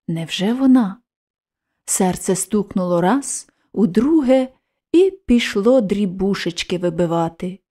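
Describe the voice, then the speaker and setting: A woman narrating a literary story in a slow, measured, expressive reading. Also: mid-range voice. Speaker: audiobook narrator.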